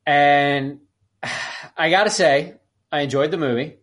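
This podcast co-host talks casually about films, sounding exclamatory and incredulous. His voice is on the high side and fairly bright, and he takes his time.

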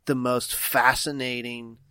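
Easygoing mid-pitched man, dry sound. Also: level tone, a little slow, pushed and bright, clean tone, dry recording. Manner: easygoing, enthusiastic, backchannels a lot. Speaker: podcast co-host. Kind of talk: casual whiskey tasting chat.

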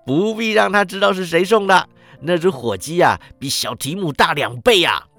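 A man's voice: sits high, animated, normal speed, creaky, bright, forceful tone, faint music behind, heavily acted. A man voicing a giddy, reformed old miser who exclaims breathlessly with delight in a storybook reading. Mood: joyful.

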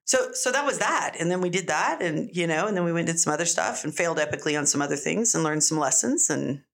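A woman from New Mexico tells her story in a quick, rushing voice. She is a restaurant owner being interviewed, and she lively acts out what everyone said along the way. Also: low voice, vocal fry. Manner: animated storyteller who acts out dialogue.

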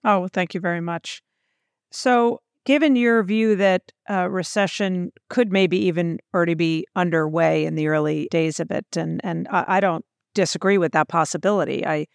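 A woman hosting an interview, asking questions in a measured, formal way. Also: fairly low pitch, creaky, dry recording, studio quality. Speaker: host.

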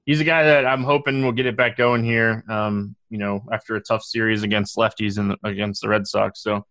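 A man co-hosting a casual sports podcast, talking in a halting way with many fillers and restarts. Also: on the low side, steady tone, a bit bright, no echo. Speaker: co-host.

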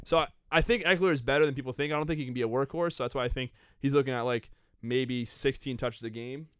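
A man's voice: medium pitch, fast talker, clean tone, no echo, clean studio sound. A man co-hosting a casual sports podcast, stating firm opinions and often restarting his sentences. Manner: opinionated, repeats himself, restarts. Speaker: podcast co-host.

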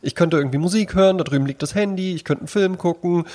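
A man's voice: high voice, fast, dark tone. A man co-hosting a casual podcast, musing reflectively and often adding tag questions. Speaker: podcast co-host. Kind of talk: casual chat.

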